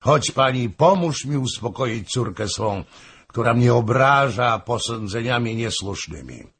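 Man putting on a commanding king, impatient, husky voice, slow deliberate phrasing. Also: mid-range voice, animated, fairly bright tone. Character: middle-aged king, imperious and impatient.

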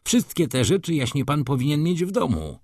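A man's voice: a little high, big pitch swings, moderate pace, darkish tone, dry recording, voice pushed up. A haughty manservant who orders people about with smug self-importance, as a man reading the tale puts him on. His voice sits somewhat raised and swings expressively. The sound is close and dry. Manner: commanding, condescending. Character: pompous self-important male valet, bossy and smug.

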